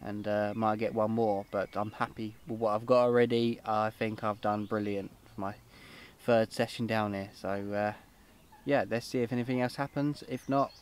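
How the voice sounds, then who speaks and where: A man's voice: lowish voice, fairly even intonation, moderate pace, smooth. A young British man vlogging outdoors at a lake, talking in an upbeat, rambling way with lots of fillers, filmed on a camera close by. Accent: British English. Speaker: fishing vlogger. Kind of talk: casual outdoor vlog. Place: lakeside, outdoors and under a fishing shelter.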